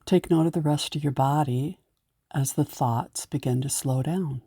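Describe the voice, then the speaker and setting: This guided meditation is narrated by a woman whose low, mellow voice has a breathy edge. She moves at a normal speed yet lets each gentle, soothing instruction breathe, and the sound is close and dry with no room around it.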